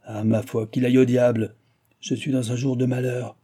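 A man's voice: mid-range voice, flat delivery, normal speed, dark tone, natural voice. A man voicing a hot-tempered wounded nobleman who curses and blusters. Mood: angry. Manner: blustering, cursing.

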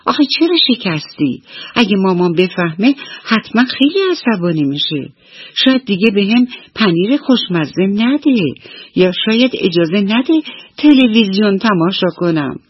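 Brief: high, childlike little boy mouse, anxious and fretful, as a woman storyteller puts him on, husky edge, dull radio sound. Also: animated, no room sound. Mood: worried.

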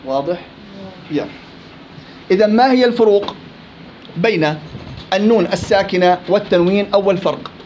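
A man's voice: high voice, moderate pace, long pauses, a little hiss or hum. A man with a Levantine Arabic accent teaching Quran recitation rules in a live class, quizzing his students and teasing them as he goes. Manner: questioning students, teasing and lively. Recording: dull lo-fi classroom recording.

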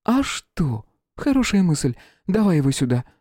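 A man voicing a cool, scheming young princess who speaks in a slow drawl. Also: a little high, big pitch swings, darkish tone, no echo, clean studio sound, pitched above the performer's own voice.

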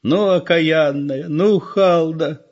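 A man's voice: fairly high pitch, takes it slowly, darkish tone, dull audio, pitched above the performer's own voice. A man reading aloud voicing a flustered old village woman who frets and wails. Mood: fretting. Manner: fretful, wailing.

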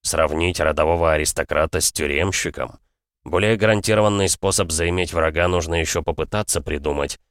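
A man voicing a calm older aristocrat father in an audiobook, measured and coldly matter-of-fact. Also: extremely low pitch, no room sound, clean studio sound. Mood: cool. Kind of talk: audiobook character voice.

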